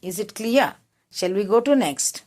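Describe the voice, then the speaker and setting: A woman's voice: medium pitch, expressive, a little slow, a little mellow. A woman with an Indian English accent teaching a class. She reads out points and then explains them again in simple words, checking whether the class understands. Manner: rephrases each point in simple words, asks if it is clear.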